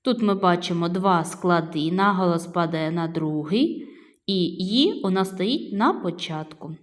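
A middle-aged woman, a primary school teacher, guides young children through a phonics lesson, patiently stretching out each word as she sounds it. Her voice is lowish and unhurried. The room is echoey, with a long reverb.

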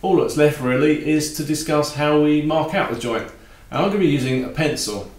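A man giving a calm, practical woodworking tutorial while he works at a bench in his home workshop. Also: fairly high pitch, fairly quick, reverberant. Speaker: woodworking instructor.

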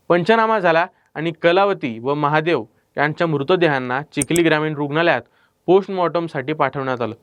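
Male crime-news narrator, Marathi accent, dramatic delivery, raised pitch, smooth resonant voice, dry close mic. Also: no room sound. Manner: dramatic storytelling delivery with rhetorical questions. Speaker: news presenter. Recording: clean dry studio voice-over.

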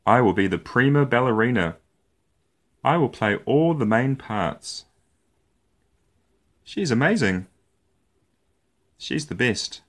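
This is a medium-pitched man performing a children's picture book aloud. His storytelling is expressive, and his phrasing is playful and deliberate.

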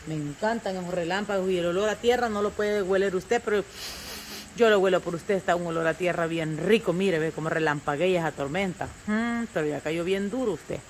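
A woman's voice: on the low side, fairly quick, a little hiss or hum. An older woman, chatting homely and rambling to her viewers from her rural yard, calling them fond pet names and searching aloud for words. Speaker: vlogger. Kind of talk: casual chat to camera. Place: rural yard and garden outdoors.

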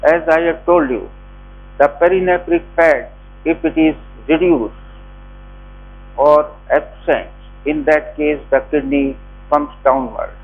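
A man's voice: on the high side, takes it slowly, long pauses, narrow, tinny audio. A man with a North Indian accent teaching a class as a lecturer, giving step-by-step instructions in short phrases. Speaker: anatomy lecturer. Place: indoor lecture theatre.

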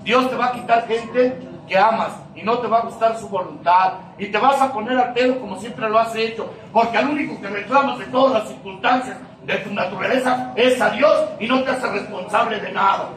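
A man's voice: sits high, brisk, fairly bright tone. A man with a Mexican accent giving an emotional recovery testimony, emphatic and full of street slang and swearing. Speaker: speaker sharing his recovery testimony. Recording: echoey room, mic at a distance, faint noise.

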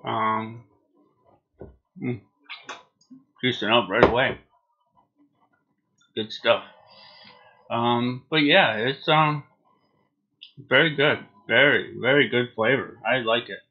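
Male reviewer, 40s, middle-pitched, slow, easygoing and halting delivery, muffled lo-fi home recording. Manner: laid-back, hesitant, trailing phrases. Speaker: product reviewer. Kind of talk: casual unscripted video review. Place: small home room, indoors. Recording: dull lo-fi webcam sound.

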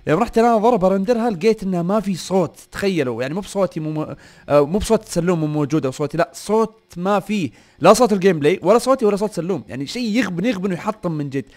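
A young man, hosting a gaming video and commenting on the gameplay, often repeating short words in quick bursts. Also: sits high, expressive, darkish tone. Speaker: gaming channel host.

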